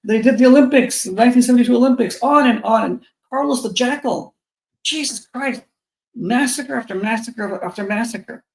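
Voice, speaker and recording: A blunt, heated talker on a casual podcast chat, tripping over restarts as the thoughts pile up. The voice sits mid-pitch and rings out with a big hall-like echo, as if recorded in a large bare room. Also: moderate pace, creaky, darkish tone. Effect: echoey sound, as if in a big bare room. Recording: echoey, roomy mic sound.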